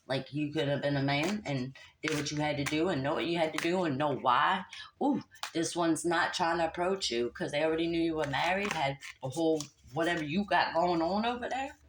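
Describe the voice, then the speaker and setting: Sassy low-voiced woman reading tarot. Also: background noise. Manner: sassy, scolding, talks straight at the listener; animated, laughs and hums disapproving "mm-mm-mm". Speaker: tarot reader. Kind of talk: casual tarot reading to camera.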